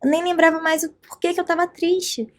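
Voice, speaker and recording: A Brazilian woman telling faith stories as a podcast guest, with an animated and earnest delivery. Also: very high voice, fairly quick. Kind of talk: faith testimony in a podcast conversation.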